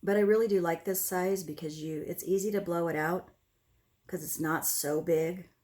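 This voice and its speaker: A woman casually talking through a hands-on craft demonstration step by step, in an unhurried way. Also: lowish voice, fairly even intonation, darkish tone. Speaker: host of an acrylic pour painting tutorial. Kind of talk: casual craft demonstration, narrating as they work.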